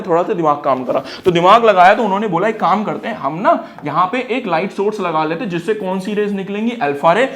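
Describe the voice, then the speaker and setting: A male teacher runs a lively science class with a voice pitched high for a man. He keeps it slangy and playful, firing quick questions at his students and calling them brother. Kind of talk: energetic classroom lesson.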